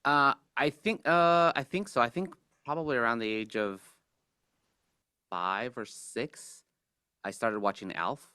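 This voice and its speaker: A man in his forties from Mexico, a guest puppeteer in a casual interview, talking in a relaxed, hesitant way with many fillers and restarts. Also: medium pitch, a little slow, clean tone, no room sound, clean studio sound.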